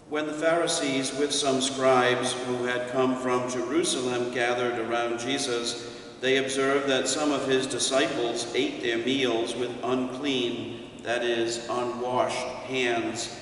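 An older man, a priest, reading scripture and preaching a homily in a slow, measured way from a lectern in a church. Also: medium pitch, fairly bright tone, slight background noise. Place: church sanctuary in front of a stained-glass window. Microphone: distant camera mic. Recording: echoey church from a distance.

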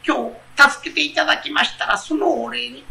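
A man's voice: extremely high pitch, normal speed, vocal fry, pushed and bright, distant mic, voice pushed up, exaggerated voice. A man with a Kansai accent voicing a cunning fox that begs politely for its life, humble and fawning.

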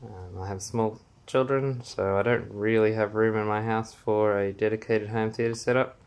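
Walking through his small indoor basement home theater with a phone camera in hand, an Australian man gives a relaxed room tour. His voice is smooth, steady, and on the low side, and he speaks slowly, pausing and hesitating with many fillers.

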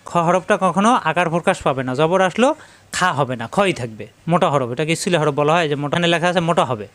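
A man's voice: a little high, animated, quick pace, a bit bright. A man teaching Quran letter pronunciation, spelling each letter out and repeating it for his students. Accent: Bangladeshi Bengali. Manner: addresses students directly.

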